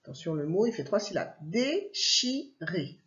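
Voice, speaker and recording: A woman teacher giving a dictation to young children, slowly stretching out each word and spelling out letters. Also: fairly low pitch, sing-song, lo-fi sound. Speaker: primary school teacher.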